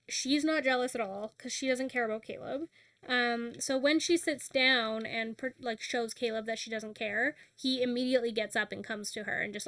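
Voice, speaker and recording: A woman with a high voice chats through a book recap, jumping in and out of the characters' lines with loose fillers. She sounds close to the mic in a dry, dead room. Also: dry recording. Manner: animated retelling, acting out characters' lines with filler words. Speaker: podcast co-host recapping a book. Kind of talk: casual recap chat.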